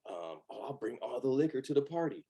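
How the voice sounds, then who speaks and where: A man's voice: mid-range voice, sing-song, a little fast, dark tone, husky. A man from Los Angeles in his thirties, a podcast guest talking candidly in a loose, rambling way with many fillers. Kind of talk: casual chat.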